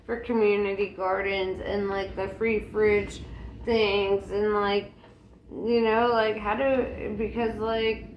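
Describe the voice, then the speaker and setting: A woman rambles through a casual rant in a loose, tipsy way, peppering it with swearing. Her voice sits at a medium pitch. The room is noticeably echoey, with faint noise behind her. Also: little pitch movement, slow, highs cut off.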